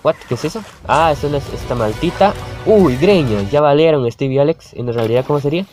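A man's voice: fairly high pitch, animated, fairly quick, a little mellow, faint music behind. A young man, chatting and reacting to a video on his channel, laughing often and calling out at the screen. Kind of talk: casual reaction commentary.

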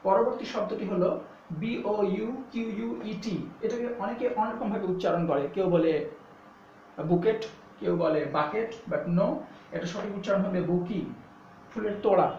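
In this English pronunciation lesson delivered to camera, a man explains things patiently, spells words out one letter at a time and switches into English phrases. He speaks briskly in a high, slightly mellow voice. A faint hum runs through the echoey, dull recording, which sounds slightly distant.

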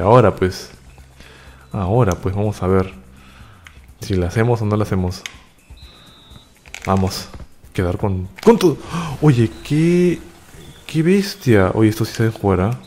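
Man narrating gameplay, excitable bursts of cheering, warm mellow voice, faint game music under him. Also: lowish voice. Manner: excitable, cheers and repeats words in quick bursts. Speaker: gaming YouTuber. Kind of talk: live gameplay commentary.

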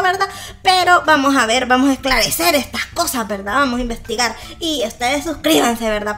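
A woman's voice: on the high side, a bit bright. Chatty Salvadoran woman gossip host. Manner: chatty, laughs often, keeps tagging "¿verdad?". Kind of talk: casual gossip commentary.

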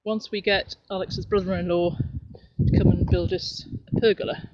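Strolling through her back garden to show off her chickens, a middle-aged home video maker narrates in a cheerful, easygoing, chatty way. Her mid-range voice moves at a moderate pace, and the handheld camera mic gives dull, noisy, lo-fi sound.

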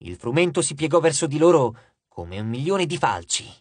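A male audiobook narrator tells the story with dramatic flair, his pitch rising and falling widely. His voice sits a little high with a husky texture. He is recorded close on a studio microphone in a dry booth. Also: sing-song, normal speed, dry recording.

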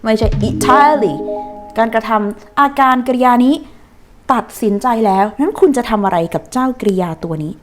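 A woman teaching an English lesson in Thai, counting her students in and drawing out English sentences slowly for them to repeat. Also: on the high side, expressive, faint music behind. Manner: stretches out English phrases slowly for practice.

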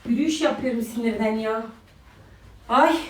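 A high-pitched woman rants to her viewers on a live stream, exasperated and repetitive, with sighs between her lines. Her voice rings around an echoey room. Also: normal speed, slight background noise. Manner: exasperated, repeats herself, sighing interjections. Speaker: social media personality on a live stream.

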